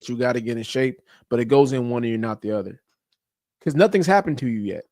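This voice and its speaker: A man's voice: mid-range voice, fairly quick, a little mellow, no echo, studio quality. A man hosting a podcast, giving a blunt motivational talk about fitness and habits, with casual profanity and slang. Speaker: podcast host. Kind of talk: motivational monologue.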